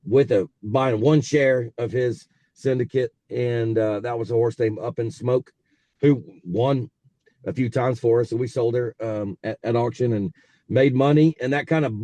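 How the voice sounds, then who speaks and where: Speaking over a car speakerphone while he drives, a South Texas man in his forties tells casual stories as an interview guest; he owns racehorses. His medium-pitched voice is warm and easygoing, rambling along with frequent fillers, and there's no room sound.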